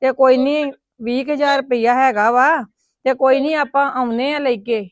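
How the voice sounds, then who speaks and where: A woman's voice: sits high, steady tone, moderate pace, dry recording, clean studio sound, lightly acted. A woman playing a worried mother who laments her daughter's troubles in a tearful, sorrowful way. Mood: lamenting. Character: worried middle-aged mother, sorrowful and protective. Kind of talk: family web drama acting.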